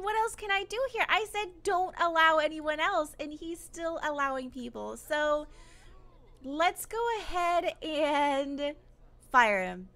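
A woman giving casual let's-play commentary on a video game, excitable and exclamatory, laughing often. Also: extremely high pitch. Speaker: gaming YouTuber.

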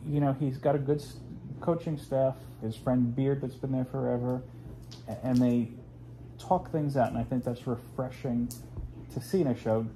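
A man in his forties hosts a casual home video from his living room, chatting in a rambling way packed with fillers. His medium-pitched voice is gravelly and dark. The low-quality recording carries slight background noise.

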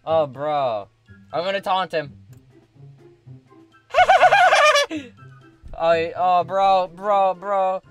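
A man doing excited gameplay commentary, yelping, shouting and slangy. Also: high-pitched, takes it slowly, loud music behind the voice. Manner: excitable, yelps and shouts at the game; slangy, calls out "bro" a lot. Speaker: gaming video creator.

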